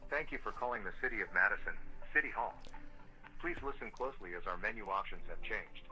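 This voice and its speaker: A man's voice: fairly low pitch, animated, fast talker, sharp tone, faint music behind. A man's recorded phone menu message, formally announced and played over a phone line. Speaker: automated phone greeting.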